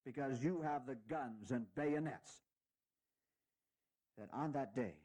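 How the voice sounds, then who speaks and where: A man playing a dignified, fatherly aging general, giving stirring, deliberate and sometimes halting oratory in a historical audio drama. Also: a little high, a little mellow. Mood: grave, stern. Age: older.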